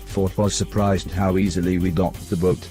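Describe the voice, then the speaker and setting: A man voicing a wry adventurer who narrates his journey in a measured, scripted storybook style for a video game. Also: low-pitched, flat delivery, loud music behind the voice, close to an everyday voice. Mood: measured, reflective. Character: adventurer recounting his journey home with a companion.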